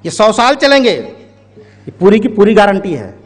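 A man voicing a boastful male fan peddler who hawks his goods loudly and pleads respectfully with a king. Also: sits high, huge pitch swings, normal speed, full character voice. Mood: pleading. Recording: echoey hall.

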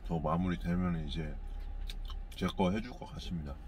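Deep-voiced man talking while chewing. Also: normal speed. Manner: soft-spoken, polite, understated. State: mouth full, chewing. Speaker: truck driver vlogger. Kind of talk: casual mukbang vlog. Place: parked truck at a logistics center. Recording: background noise of vehicles and ambience.

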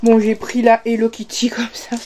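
A chatty woman with a Réunion French accent talks casually to her viewers while opening parcels at home. Her voice sits a little high, and she keeps restarting her sentences around filler sounds. A faint hiss runs under the camera mic. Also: monotone, moderate pace, darkish tone. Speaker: vlogger. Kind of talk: casual unboxing chat.

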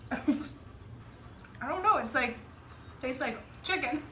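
A woman talks through a mouthful, chewing as she speaks and giggling between words. Her voice sits a bit high and comes across bright and forceful. The sound is roomy, with faint ambient noise behind. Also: lively intonation, takes it slowly. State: talking while chewing. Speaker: taste tester, co-host. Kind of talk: casual chat. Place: home patio.

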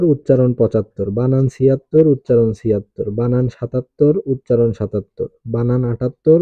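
A man teaching, reciting a spelling and pronunciation drill in a steady, repetitive way, saying each number twice. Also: mid-range voice, dry recording. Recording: tinny phone-like, dry sound.

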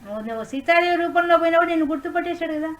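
A woman's voice: extremely high pitch, very fast, muffled recording, pitched above the performer's own voice. A woman voicing a male god who patiently explains things to his wife, in a storytelling lesson. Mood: explaining calmly.

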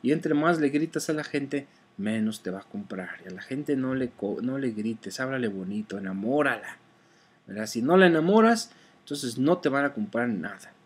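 Husky-voiced man teaching casually. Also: mid-range voice, animated, moderate pace. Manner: conversational, often adds "¿verdad?"; frequent fillers and self-corrections. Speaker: online sales instructor.

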